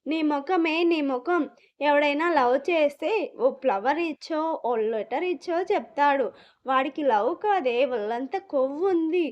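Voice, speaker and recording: A woman voicing an emotional older sister who talks haltingly and gets irritated. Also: very high-pitched, darkish tone. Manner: hesitant, faltering speech. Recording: dull lo-fi recording.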